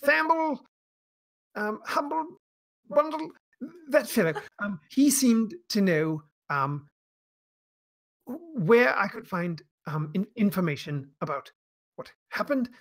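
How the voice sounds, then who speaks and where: A woman's voice: mid-range voice, lively intonation, takes it slowly, long pauses. A woman voicing a hesitant, evasive male elf in a tabletop game, stammering through formal, fussy wording. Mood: flustered.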